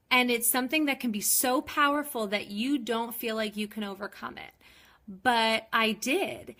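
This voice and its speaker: A woman's voice: a little high, bright, forceful tone. A woman, talking openly and casually in a personal vlog, with many ums and likes. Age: 20s. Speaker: vlogger.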